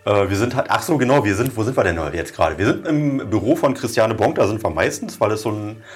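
Lively-voiced man hosting a chat. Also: lowish voice, fast. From Berlin. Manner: joking, relaxed. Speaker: podcast host. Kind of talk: casual interview chat. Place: small office.

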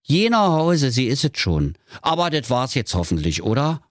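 A man's voice: medium pitch, sing-song, normal speed, no echo, clean studio sound, pitched above the performer's own voice, lightly acted. A man voicing a cheeky, grumpy talking unexploded bomb that speaks in Berlin slang. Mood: weary. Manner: slangy, cocky, grumbling. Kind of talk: comic fairy tale reading.

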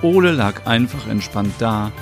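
Man, narrator, scripted audio soap, slow, gravelly, faint music behind. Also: lowish voice, expressive. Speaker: narrator and sole voice actor.

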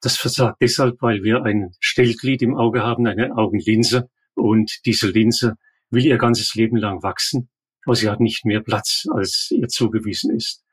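An older man, an ophthalmologist appearing as a guest, explains things calmly and matter-of-factly in an expert interview. His voice is lowish and slightly rough.

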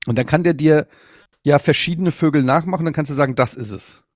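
A man's voice: on the high side, a little fast, a little mellow, no echo. Teasing, rambling man on a dry mic. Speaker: podcast co-host. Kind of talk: casual chat.

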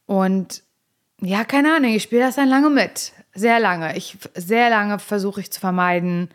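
A woman's voice: medium pitch, unhurried. Chatty, emphatic female podcast co-host. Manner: chatty and emphatic, often repeats herself for stress. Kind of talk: casual podcast chat.

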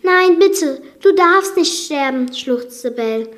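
Woman doing a young heroine, raised pitch, loud and pleading, storybook. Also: takes it slowly. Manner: emphatic, pleading.

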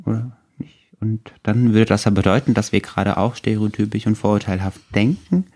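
A man's voice: on the low side, steady tone, a little fast, darkish tone. A man co-hosting a casual podcast about a book, making ironic jokes. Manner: ironic, joking. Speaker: podcast co-host.

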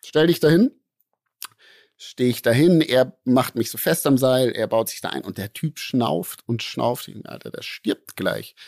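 Animated storytelling man, dry close sound. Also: mid-range voice, unhurried, gravelly, dry recording. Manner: animated, acts out voices in his anecdote, slangy. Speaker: podcast co-host telling a story. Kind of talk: casual storytelling among friends.

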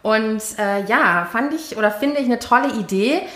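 A woman's voice: on the high side, moderate pace, a bit bright. Upbeat woman interviewer. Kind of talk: friendly podcast interviewing.

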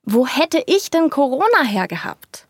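A woman telling her own story in casual conversation, colloquial and candid, sometimes dropping to a soft breathy half-whisper. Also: sits high, very animated, a little slow, dry recording, studio quality. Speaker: guest sharing a birth story.

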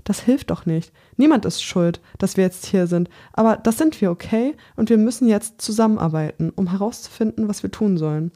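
A narrator voicing a frightened young woman who urgently pleads with her friends to stay calm and work together. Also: medium pitch, fairly quick, hardly any pauses, pitched above the performer's own voice, lightly acted. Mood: pleading.

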